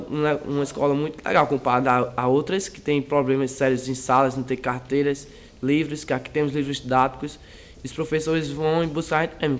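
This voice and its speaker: A teenage high school student answers interview questions in a soft, rambling way, often pausing and restarting. His voice sits a little high for a man is clear. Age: teens.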